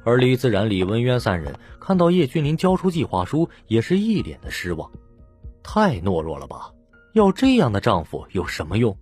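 A man narrating a serialized novel as an audiobook, with steady storytelling delivery. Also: medium pitch, moderate pace, soft background music. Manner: steady storytelling, voicing the lead plainly.

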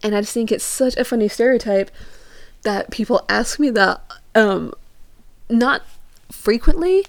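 Her voice sits on the high side, expressive and creaky, a little slow with frequent pauses, and there's no room sound. The young woman, from Portugal and England, shares personal stories chattily, saying "like" a lot and acting out quoted questions.

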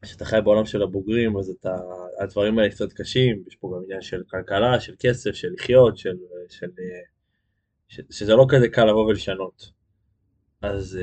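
A man's voice: lowish voice, darkish tone. A young man chatting casually on a live stream, rambling with lots of fillers and restarts as he reads out viewer comments. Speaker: page admin hosting a live stream.

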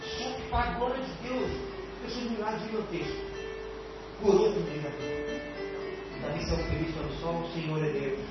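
A Brazilian pastor preaching with fervor, swinging between loud exhortation and quiet, pointed asides. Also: male voice, sits high, animated, moderate pace, pauses often. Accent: Brazilian Portuguese. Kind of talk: sermon. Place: church. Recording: echoey church hall, distant mic, dull sound, music behind. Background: music.

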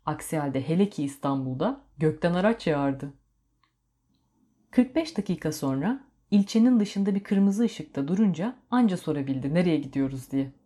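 A woman narrating a story in a steady, measured reading voice. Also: deep voice.

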